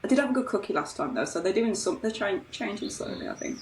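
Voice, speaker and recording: A woman's voice: medium pitch, animated, fast talker. Woman, far off mic, echoey room, casual chat. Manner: chatty, with fillers. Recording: echoey, distant, faint noise.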